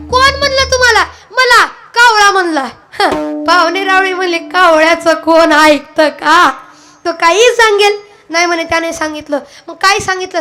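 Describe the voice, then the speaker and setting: Brief: woman kirtan preacher, very high voice, lively storytelling, instruments behind. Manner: animated storytelling, acting out the birds' dialogue.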